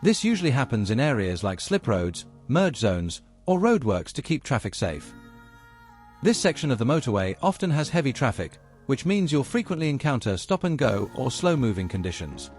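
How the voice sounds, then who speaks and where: Animated male driving-lesson narrator over music. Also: medium pitch. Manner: measured, explanatory, addresses learners directly. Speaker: driving instructor presenting a video lesson. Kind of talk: scripted instructional narration.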